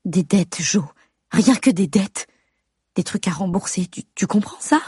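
A woman voicing a frightened mother pleading with her drunk husband, articulating each word in a husky, breathy voice. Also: medium pitch, measured pace, darkish tone, no echo, clean studio sound. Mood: pleading worried.

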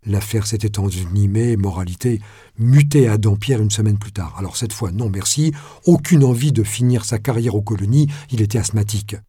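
A man reading a novel aloud as narrator, measured with a dry ironic touch. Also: fairly low pitch, mellow, husky, no room sound. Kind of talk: audiobook reading.

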